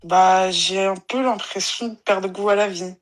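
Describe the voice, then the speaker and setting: A woman in her twenties calling into a live stream, tearful, confiding haltingly and hesitantly. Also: mid-range voice, steady tone. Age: 20s. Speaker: caller.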